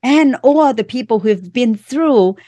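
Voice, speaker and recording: A woman's voice: on the high side, lively intonation, measured pace, dark tone, no room sound. A middle-aged woman from Vietnam with a Vietnamese accent, speaking earnestly in short phrases as an author being interviewed on a podcast. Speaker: author and guest.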